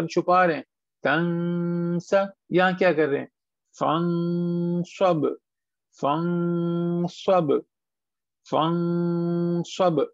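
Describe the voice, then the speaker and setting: Man teaching recitation over a call, dry and close, drawn-out model words. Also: high voice, vocal fry, dry recording. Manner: patient, asks students questions, drawn-out model words. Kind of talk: online tajweed class. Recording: dull lo-fi online call audio.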